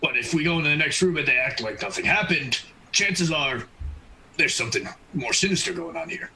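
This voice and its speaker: Very bright man reasoning aloud. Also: a little high, animated, fairly quick, creaky, slight background noise, poor audio. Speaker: player. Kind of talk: tabletop game banter.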